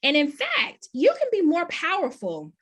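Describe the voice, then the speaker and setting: A woman's voice: extremely high pitch, huge pitch swings, unhurried, a bit bright. A middle-aged woman, a professor, delivering a conference keynote in an earnest, emphatic way, with many questions. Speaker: plenary speaker, professor.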